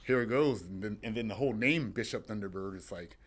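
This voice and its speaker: A man's voice: on the low side, fast. A young adult man from San Diego, a wrestler guest chatting casually and telling rambling stories with frequent laughs. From San Diego, USA. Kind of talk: casual chat.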